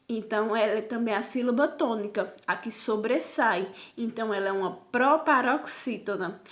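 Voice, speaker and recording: A woman teacher giving a recorded grammar lesson to her students, patient and repetitive, checking in with "certo?" after nearly every point and sounding out syllables slowly. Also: a little high. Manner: patient, repeats "certo?" often.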